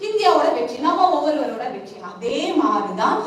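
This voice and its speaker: High-voiced woman pastor in echoey hall. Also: sing-song, fairly quick. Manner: interactive, quizzing the congregation. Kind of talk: sermon. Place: church hall, indoors. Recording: echoey hall from far off, faint noise.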